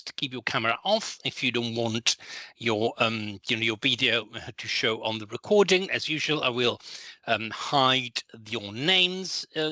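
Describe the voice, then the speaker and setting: A middle-aged man leads a live training webinar over a video call. His voice is very bright and crisp, with a dry, close sound and no room echo. He explains things patiently and circles back to restart his phrases. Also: mid-range voice. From Italy. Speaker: trainer and consultant.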